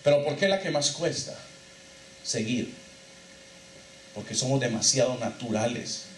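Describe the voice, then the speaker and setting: A man's voice: mid-range voice, a little slow, a little hiss or hum. A man preaching a sermon as pastor, reading scripture and quizzing the congregation with call-and-response questions, his voice rising and dropping for emphasis. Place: church. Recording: echoey church hall.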